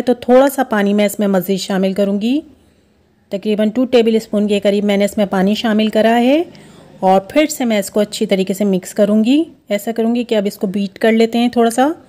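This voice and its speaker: A woman walks through a recipe step by step. She talks in a steady, instructive way, often repeating each step. Her voice comes from a home kitchen. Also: fairly high pitch. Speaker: cooking show host.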